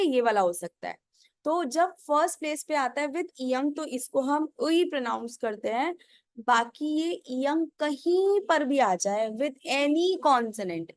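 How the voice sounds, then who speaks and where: A woman's voice: high voice, no echo, studio quality. A woman with an Indian accent teaching Korean pronunciation, asking and answering her own questions step by step. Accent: Indian English. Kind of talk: whiteboard lesson explanation.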